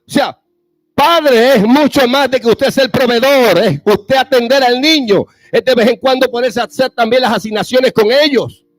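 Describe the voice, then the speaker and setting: Male preacher in his 30s, very high voice, dry close sound, soft music under him, addresses the fathers directly. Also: normal speed, no echo. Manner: speaks straight to the fathers in the audience with rhetorical questions. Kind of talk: sermon.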